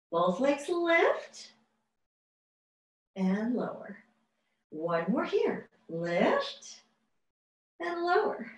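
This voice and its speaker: Female Pilates instructor, higher voice, slow drawn-out rep counts, recorded in an echoey room off-mic. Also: far from the mic. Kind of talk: cueing a home workout class. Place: home room over a video call.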